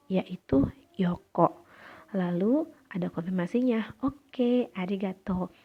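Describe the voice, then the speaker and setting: A woman's voice: mid-range voice, lo-fi sound. A woman teaching Japanese to students in a recorded lesson, with an Indonesian accent, explaining patiently and reading out short dialogues. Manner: clear, patient explanations with acted dialogue lines.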